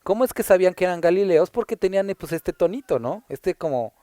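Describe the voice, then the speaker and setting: Dry, mellow Mexican pastor teaching. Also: male voice, sits high, animated, fast talker, dry recording. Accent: Puebla Mexican Spanish. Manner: explains verse by verse, asks rhetorical questions. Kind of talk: conversational Bible teaching.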